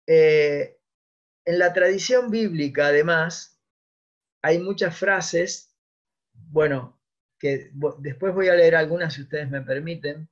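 Un hombre mayor con acento argentino da una clase de derecho, lee citas en voz alta y se detiene a recordar. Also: male voice, a little high. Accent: Argentine Spanish. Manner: reads out quotations, pauses to recall, thinks aloud. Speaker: lecturer on law. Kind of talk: academic lecture. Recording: dull lo-fi online talk.

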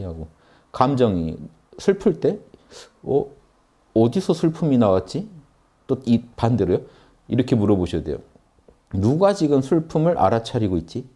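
Low mellow-voiced man giving a talk. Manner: earnest, repetitive, rising emphasis on key words. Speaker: meditation teacher. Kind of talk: spiritual lecture.

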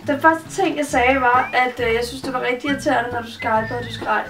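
A young woman with a high, bright voice chats and teases her brother in a casual home vlog. She sits a little back from the microphone in her bedroom, and loud music plays behind her throughout. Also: fairly even intonation, distant mic. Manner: teasing, chatty, hums and sings bits. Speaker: vlogger. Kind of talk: casual chat.

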